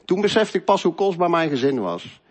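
A middle-aged man telling an earnest, emotional personal faith testimony, moving between loud stretches and hushed ones. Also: on the high side, very animated, a little fast, slightly rough. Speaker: speaker giving a faith testimony.

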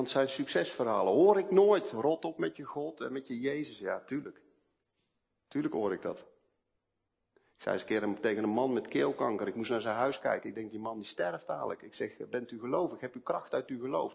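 A man preaching a sermon with personal testimony, swinging between hushed storytelling and emphatic outbursts. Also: mid-range voice, brisk, creaky.

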